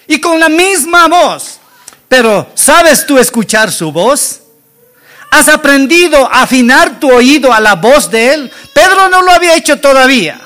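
A man's voice: very high voice, big pitch swings, measured pace, pushed and bright. A man preaching a sermon, dramatic and acting out the Bible scenes, often asking the congregation questions. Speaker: pastor.

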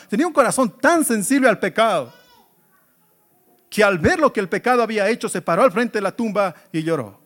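A male pastor with a rather high voice delivers an emphatic sermon. He asks rhetorical questions and moves between loud exclamations and hushed asides.

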